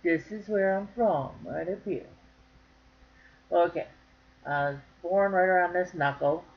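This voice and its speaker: A woman's voice: lowish voice, unhurried. Lady chatting to her camera about crafts, folksy and jokey, kinda muffled lo-fi sound. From northern Michigan. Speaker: crochet vlogger. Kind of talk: casual chat to camera.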